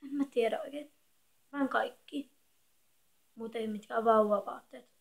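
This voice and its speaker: A thirteen-year-old girl chatting quietly and rambling in a casual home vlog, filmed on a phone in an echoey bedroom. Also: a little high, gravelly. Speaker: vlogger. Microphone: phone camera.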